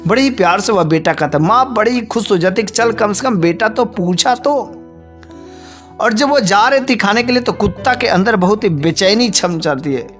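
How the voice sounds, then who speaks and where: A man narrating a devotional moral story in a plain, unhurried way, with frequent filler phrases. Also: sits high, lively intonation, a bit bright, soft background music.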